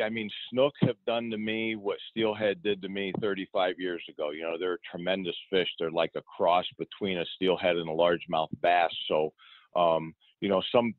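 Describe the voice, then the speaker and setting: A deep-voiced middle-aged man who works as a fishing guide is interviewed in a boat on the water, answering casually with plenty of repeated words and restarted sentences. No room sound is audible, but the line is tinny like a phone's.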